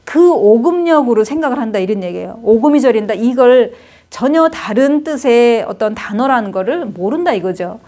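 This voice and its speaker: This Hanja lecturer is a middle-aged woman with a fairly high, expressive, warm voice moving at a moderate pace. Her talk on Chinese characters is casual and chatty, packed with fillers and tag questions.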